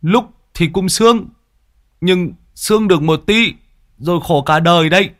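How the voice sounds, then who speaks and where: A man's voice: sits high, moderate pace, a bit bright, voice pushed up. A male storyteller voicing a bumbling, flustered older village man who stammers. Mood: grumbling.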